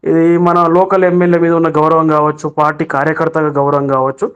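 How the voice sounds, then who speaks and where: Man, Telangana Telugu accent, fairly high voice, urgent preachy voice message, lo-fi phone note. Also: flat delivery, a little fast, a bit bright, smooth. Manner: urgent and preachy, with frequent restarts. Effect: recorded voice message sent to a chat group. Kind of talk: persuasive political voice message.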